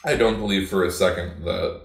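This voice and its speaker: A man's voice: deep voice, fairly quick, creaky, soft background music. A man co-hosting a TV review podcast, talking casually and rambling with lots of fillers. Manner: rambling, hesitant with many fillers. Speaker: podcast co-host. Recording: echoey room.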